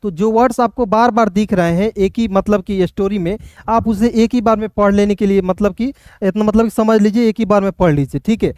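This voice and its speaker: A man with a Hindi accent teaching English phonics, spelling words letter by letter and sounding them out slowly. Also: sits high, darkish tone, clean tone, dry recording, clean studio sound. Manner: slow, repeats words, checks with listeners.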